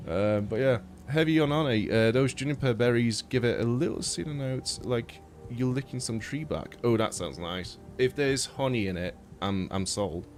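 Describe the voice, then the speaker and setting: A young Polish man chats casually while live-streaming a game, rambling and swearing a lot with many fillers and restarts, his nose a bit blocked. His voice is medium-pitched, at a moderate pace with hardly any pauses, over soft background music.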